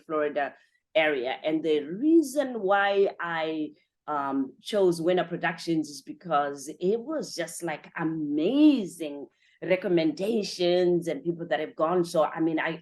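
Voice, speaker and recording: A woman hosts an interview with a slightly low voice, gushing with thanks and chatting freely. She strings her thoughts together with frequent 'you know' fillers, keeping a talkative, conversational flow. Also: a little mellow. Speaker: podcast host.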